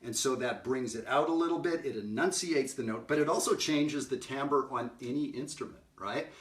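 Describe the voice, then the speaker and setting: A man's voice: medium pitch, moderate pace, recorded from a distance. A middle-aged man giving a casual jazz lesson, talking conversationally, singing note examples and often asking "right?". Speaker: jazz educator. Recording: roomy sound from off-mic.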